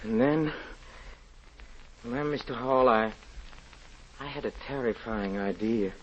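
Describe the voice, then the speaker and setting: A desperate, grieving European husband haunted by tragedy is voiced by a male actor of medium pitch, who confesses in halting, stammering pleas. The performance follows theatrical 1940s radio drama style, preserved on a muffled, noisy old radio recording.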